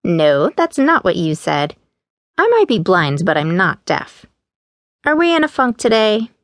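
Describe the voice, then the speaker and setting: A woman's voice: medium pitch, big pitch swings, a little slow, no echo. A woman voicing a dry, stern older woman who runs a bookshop, in an audiobook. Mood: scolding. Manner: dry, scolding.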